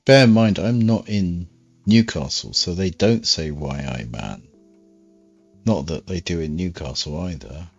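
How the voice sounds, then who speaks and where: A man's voice: low-pitched, moderate pace, a little mellow, faint music behind. A man streaming a game, rambling and dry, with self-mocking asides. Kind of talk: live game-stream commentary. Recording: dull, dry stream audio.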